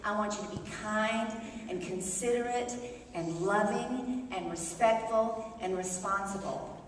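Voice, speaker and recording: A middle-aged woman giving a gently instructive children's sermon as a chat with a puppet in a church. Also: medium pitch, a little slow. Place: large church sanctuary, indoors. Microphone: distant camera. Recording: echoey church hall from far off, faint noise.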